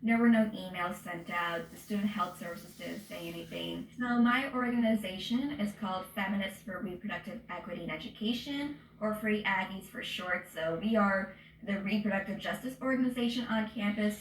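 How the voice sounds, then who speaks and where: A woman's voice: mid-range voice, a little fast, slight background noise. A twenty-one-year-old woman, a student activist, speaking with passion and determination. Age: 20s. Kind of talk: news interview statement. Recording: roomy audio.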